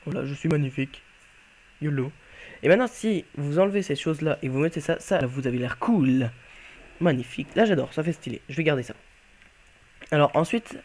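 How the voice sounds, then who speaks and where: A man with a somewhat high voice walks through a game mod in relaxed, chatty commentary. He thinks aloud as he plays, offhand and unpolished. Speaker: YouTuber showcasing a game mod. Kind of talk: casual gameplay commentary.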